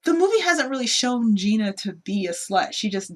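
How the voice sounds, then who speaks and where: Animated woman retelling a movie. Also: a little high, moderate pace. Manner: animated retelling, acts out characters' lines. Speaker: podcast co-host. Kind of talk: casual film discussion.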